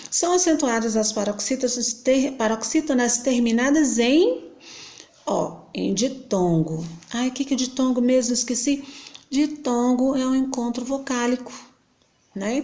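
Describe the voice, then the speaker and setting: A woman with a Brazilian Portuguese accent teaching a grammar lesson, patiently explaining and often checking in with quick questions. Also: on the high side, darkish tone.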